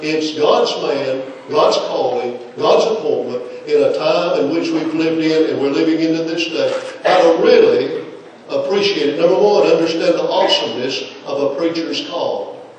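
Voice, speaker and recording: A man's voice: fairly high pitch, moderate pace, darkish tone, highs cut off, slight background noise. A man preaching as a guest, building to emphatic preaching in a church sanctuary. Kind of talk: sermon. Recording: very echoey church from far off.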